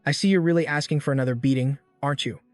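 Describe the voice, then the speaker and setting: A man's voice: mid-range voice, rapid-fire, no room sound, faint music behind, natural voice. A man voicing an arrogant, sneering young male school bully in a recap story. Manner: sneering, contemptuous.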